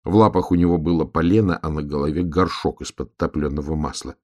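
A man narrating a children's fairy tale in a calm, measured and expressive reading. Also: very deep voice. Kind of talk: storybook reading.

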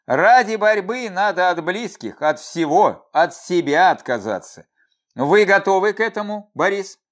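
A defiant young woman rebel speaks in a raised, lively voice, bold and mocking, as a male reader puts her on. She sounds brash and provocative, the way a storybook heroine who scorns convention would. The delivery swings up and down with energy. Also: high-pitched, a little slow, pitched above the performer's own voice.

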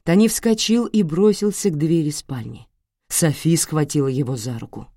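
A woman narrating an audiobook in a measured, dramatic scripted reading. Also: low-pitched, mellow, dry recording, clean studio sound.

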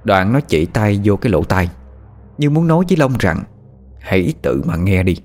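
A man's voice: lowish voice, sing-song, normal speed, a little mellow, faint music behind. A man narrating a ghost story with dramatic, suspenseful storytelling.

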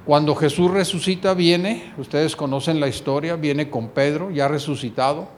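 A man's voice: a little high, normal speed, a little hiss or hum. A man preaching a sermon, retelling a scripture story and acting out the dialogue with changing voices. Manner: acts out dialogue with shifting voices.

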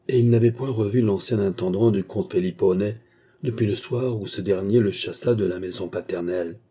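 A male audiobook narrator with a low, very dark, mellow voice. The tone is husky throughout. His storytelling is steady and measured. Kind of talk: scripted narration.

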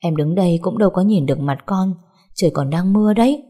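A woman voicing a caring neighbor who gently soothes a worried friend in a story. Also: lowish voice, fast, breathy edge. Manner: soothing and protective.

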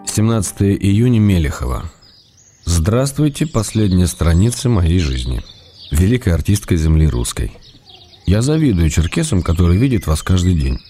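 In a radio play, an actor portrays an ironic, tender male writer reading his letters with teasing, playful mock-drama. His low-sitting voice is mellow and sing-song at normal speed, with faint music behind.

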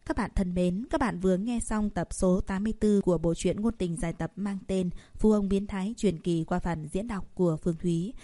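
A woman narrating a serialized romance novel as an audiobook reader, in steady storytelling. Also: mid-range voice, brisk, few pauses, no room sound.

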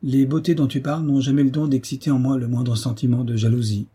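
A man's voice: mid-range voice, level tone, fast talker, dark tone, husky, pitched above the performer's own voice. A man voicing a grave, worried young cavalry officer who speaks in a subdued way, in a read-aloud historical novel.

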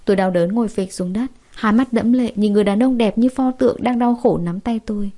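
A woman reads a dramatic story aloud in the first person, with steady, emotional storytelling. Her voice is mellow and warm at a medium pitch. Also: a little fast. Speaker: story narrator.

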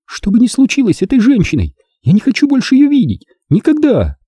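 A breaking, childish voice of a fragile young woman, lent to her by a man reading aloud. She sounds small and hurt, pleading and reproachful. Her voice sits very high and swings widely, over a dark, husky tone. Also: very animated, fast talker, dry recording, full character voice. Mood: cold. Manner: plaintive, reproachful.

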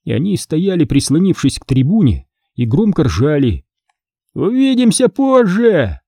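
Husky, dark-toned male storyteller. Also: a little high, normal speed, no echo, clean studio sound. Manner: expressive, does all the voices. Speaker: audiobook narrator. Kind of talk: scripted horror story narration.

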